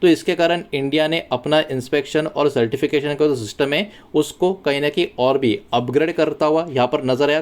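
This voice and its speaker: A man hosting a stock market news channel, explaining the news in a conversational tone and often mixing English words into his sentences. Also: on the high side. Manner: conversational, mixes English words into Hindi, repeats phrases. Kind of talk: casual explainer monologue.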